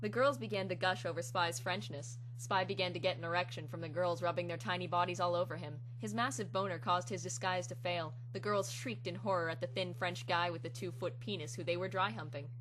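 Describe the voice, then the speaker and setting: A woman's voice: on the low side, steady tone, brisk, hardly any pauses, fairly bright tone, poor audio. A woman giving a theatrical, hammy dramatic reading of fan fiction as its narrator. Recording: clear hum and background noise.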